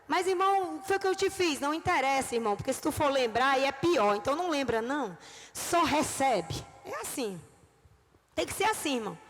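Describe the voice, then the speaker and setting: A woman, preaching a sermon with lively storytelling and acted-out voices. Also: high-pitched. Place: church. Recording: reverberant church hall.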